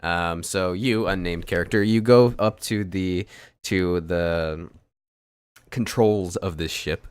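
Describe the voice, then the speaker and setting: A man's voice: sits low, slow pace, clean tone. A man running a tabletop game as dungeon master, narrating loosely with many ums and restarts.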